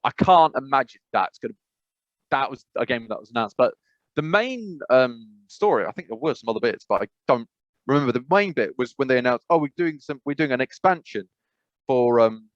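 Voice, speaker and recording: Brisk and expressive, this medium-pitched podcast co-host with an English accent chats about games over a video call, restarting often and using plenty of fillers. The remote call mic sounds lo-fi, with no room sound at all.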